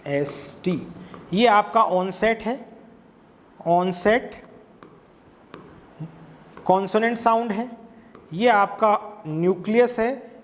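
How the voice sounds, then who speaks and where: Man tutor with a Hindi accent, high voice, patient step-by-step lecture delivery, reverberant room. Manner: explains slowly, asks and answers his own questions. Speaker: English exam tutor. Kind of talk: classroom-style lecture.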